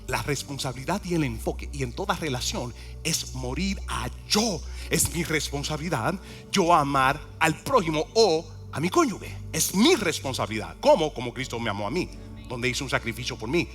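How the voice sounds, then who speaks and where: A man preaching a sermon with a lively voice that climbs high and drops low. His tone is bright and forceful, and he keeps repeating key words and asking the congregation questions. Faint music plays under him. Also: moderate pace. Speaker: pastor.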